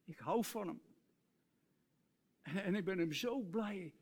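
A male preacher giving an earnest sermon, reciting hymn lyrics and dropping to soft, tender tones. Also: high-pitched, slow pace, husky.

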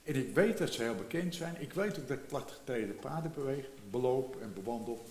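A man's voice: medium pitch, animated, brisk, a little mellow, echoey room, slight background noise. A man in his seventies preaching a sermon in a reflective way, repeating phrases and rising for emphasis. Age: 70s.

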